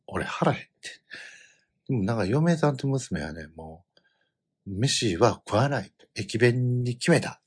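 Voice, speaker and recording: This middle-aged Kansai speaker tells a family travel story in relaxed conversation, lively and given to bursts of loudness. His medium-pitched voice has a breathy edge, and he takes his time.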